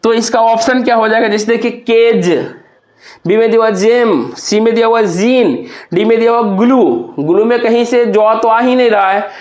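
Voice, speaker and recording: A man's voice: extremely high pitch, fairly even intonation, moderate pace, reverberant. A male teacher giving an exam prep lesson, explaining step by step and spelling words out letter by letter while asking and answering his own questions.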